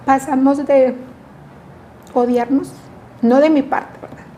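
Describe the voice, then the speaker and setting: A woman's voice: sits high, steady tone, slow pace, dark tone, slight background noise. A middle-aged woman giving an earnest, reflective personal testimony as an interview guest. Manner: earnest, reflective, acts out remembered dialogue. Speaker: guest sharing a personal story.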